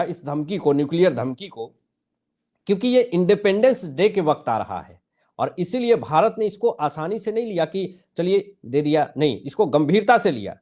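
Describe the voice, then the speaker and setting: A man delivers fiery political commentary with a slightly higher voice than most men. He talks in a combative, mocking way and keeps turning to his audience to drive his points home. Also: a little mellow. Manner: combative, mocking, addresses viewers as friends. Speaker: news commentary host. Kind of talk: heated political news commentary.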